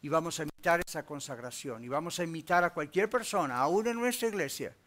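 Emphatic preaching man with a high voice. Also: lively intonation, a little fast. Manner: rising emphatic preaching, rhetorical questions, dropping low and soft in prayer. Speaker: pastor. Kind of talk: sermon with closing prayer.

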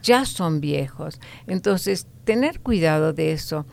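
Older woman, low voice, very gravelly, measured explanatory advice talk host. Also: lively intonation, darkish tone. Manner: measured, explanatory, many fillers.

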